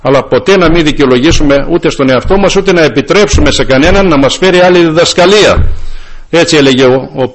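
A man preaching a sermon to his congregation. He keeps calling his listeners brothers and raises his voice to stress his points. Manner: addresses listeners as brothers often, rises in pitch to stress points.

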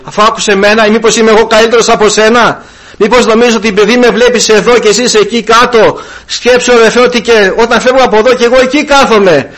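A man's voice: fairly even intonation, fairly bright tone. A man preaching an evangelical sermon, calling out to his brothers and swinging his voice up and down for emphasis. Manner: repeatedly addresses "brothers", rises and drops in pitch for emphasis.

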